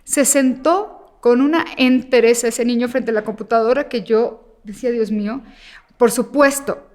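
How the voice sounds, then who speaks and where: A woman guest telling an emotional personal story, acting out the voices of the people in it and sometimes rushing through in fast bursts. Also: fairly high pitch. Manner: animated, acts out quoted dialogue. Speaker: interview guest.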